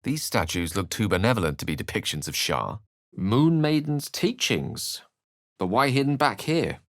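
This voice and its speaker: A learned male wizard from a fantasy video game speaks in a fairly low voice at a moderate pace, with very animated intonation, in fantasy game dialogue and narration. His phrasing is literary and theatrical with a wry, thoughtful edge, and the recording is dry with no room sound.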